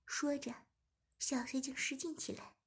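A woman narrating an erotic audio story in a soft, half-whispered manner. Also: high-pitched, fairly even intonation, a little slow.

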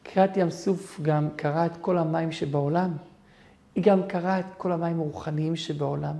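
Rabbi teaching with emphatic storytelling. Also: male voice, a little high, fairly even intonation, vocal fry, warm tone. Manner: storytelling with emphatic rises, acting out quoted voices. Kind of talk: Torah portion lesson.

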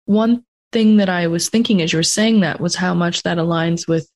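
A woman from North America hosts a casual interview podcast in a somewhat low voice. She is reflective and thinks aloud in long sentences. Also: normal speed, a little mellow. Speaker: podcast host.

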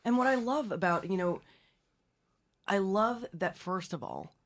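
A woman's voice: mid-range voice, lively intonation, a little slow, dry recording. A woman hosting a radio show in a conversational style. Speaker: radio host.

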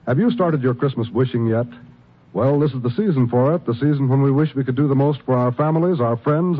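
A man's voice: mid-range voice, slightly rough. A man working as a radio announcer, reading a scripted charity appeal in an old radio style. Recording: tinny old radio broadcast.

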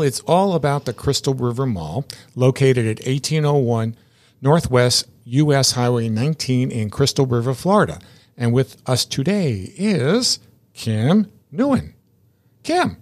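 A man's voice: mid-range voice, animated, normal speed, a little mellow. A man hosting a casual interview, chatty and rambling, often repeating words as he starts a sentence. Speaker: interview show host.

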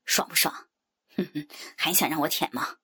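A mocking young man in whispered role-play, acted by a woman who drops her voice low. The husky whisper is sharp and bright at the edges. Faint music plays behind. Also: moderate pace, exaggerated voice. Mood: teasing. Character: teasing grown son, male, mocking.

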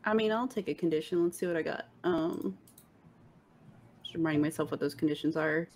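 A woman's voice: low voice, brisk, darkish tone, slight background noise. A woman playing a tabletop role-playing game, chatty and matter-of-fact as she asks about the scene and rolls dice. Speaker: player. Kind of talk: casual tabletop game play.

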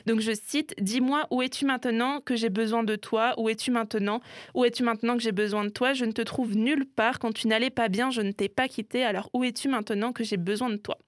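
A woman's voice: fairly high pitch, steady tone, no room sound, studio quality. A woman hosting a music segment, explaining things in a chatty way with frequent little asides. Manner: chatty explainer, sprinkling "hein" and quick asides. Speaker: show host. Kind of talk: presenting a themed music segment.

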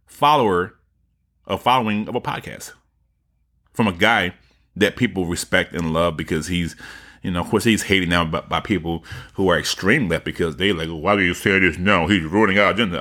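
Man, low husky voice, lively, casual reaction commentary. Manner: animated, mocking, jumps into high voices to impersonate. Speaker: commentator reacting to podcast clips.

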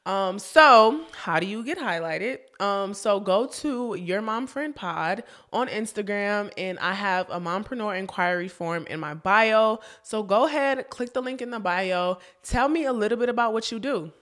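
A woman's voice: medium pitch, lively intonation, unhurried, few pauses, fairly bright tone. A young woman hosting a casual podcast for moms, chatty, often laughing and calling her listeners y'all. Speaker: podcast host.

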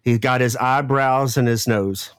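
A man's voice: mid-range voice, fairly even intonation, a little slow, clean tone, no echo. A middle-aged man hosting a casual family trivia quiz, hurrying along and chatty. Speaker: quiz host.

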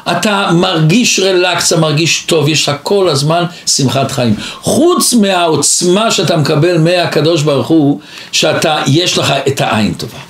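A man, a rabbi, giving a weekly Torah lesson, telling stories and quoting sources in an animated way. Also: on the high side. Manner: storytelling, animated, quotes sources. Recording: roomy echo.

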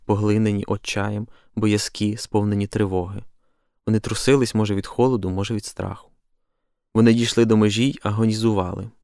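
A man narrating a literary story in a steady, expressive reading. His voice is low and gravelly. The recording is close and dry. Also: dry recording. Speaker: reader.

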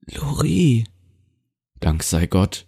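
Man doing frail old grandpa, paranoid, stammering, gravelly, raised pitch. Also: sing-song, very slow, warm tone, full character voice. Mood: panicked. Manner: stammering, repeating words. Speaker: nursing home resident. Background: music.

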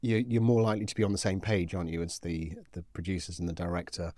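A man's voice: sits low, fast talker, darkish tone, no echo, clean studio sound. A man hosting a podcast, chatting casually and reading out listener messages. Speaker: podcast host. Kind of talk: casual interview chat.

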